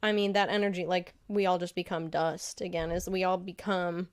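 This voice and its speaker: Woman cohost musing casually on a podcast, pausing a lot, saying um. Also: fairly low pitch, level tone. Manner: reflective, musing, many pauses and "um"s. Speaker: podcast co-host. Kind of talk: casual chat.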